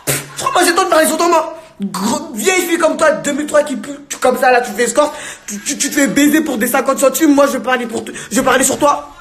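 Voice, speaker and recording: Hoarse, high-pitched woman, furious live-stream rant, mocking laughs, phone mic, faint hiss behind. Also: fast. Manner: insulting, threatening, laughing between jabs. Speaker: livestreamer.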